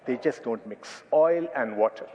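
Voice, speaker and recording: A man with an Indian accent preaching a sermon, emphatic and repeating key phrases slowly for weight. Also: mid-range voice, big-room sound, dull audio.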